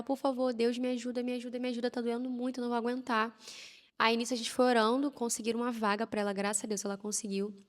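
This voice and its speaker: A woman from Rio de talks quickly in a fairly high voice, animated as she acts out her story. Her voice carries a long reverb. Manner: animated, lively retelling with quoted prayers and laughs. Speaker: guest telling a personal testimony. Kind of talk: casual conversational storytelling.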